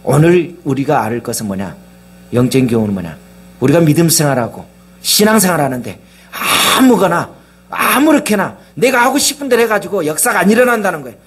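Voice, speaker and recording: A man's voice: a little high, big pitch swings, fairly quick, breathy edge. A male pastor preaching a sermon, asking the congregation question after question.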